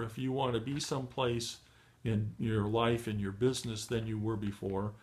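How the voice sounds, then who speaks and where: A middle-aged man giving a motivational training talk to beginners, encouraging and full of fillers and restarts, his voice going hoarse. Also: medium pitch. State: losing his voice. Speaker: online marketing trainer.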